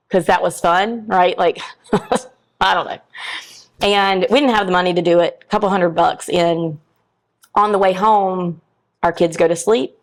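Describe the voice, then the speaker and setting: Here is a middle-aged woman with a lowish voice. She is a podcast guest telling a personal story candidly and frankly. She often slips into the voices of the people in it. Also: rough recording. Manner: candid and frank, acts out quoted dialogue.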